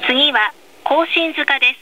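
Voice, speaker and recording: Speaking slowly in a high, pushed, bright voice, a woman delivers scripted tram announcements, polite and clearly enunciated. It's a noisy field recording taken from the tram's speaker while the vehicle runs.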